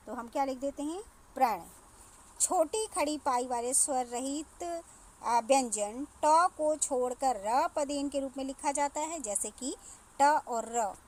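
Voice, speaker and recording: A woman teacher explaining a grammar lesson to children, slowly spelling out sounds and repeating words. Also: sits high, a little mellow. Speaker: school teacher. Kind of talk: classroom lesson.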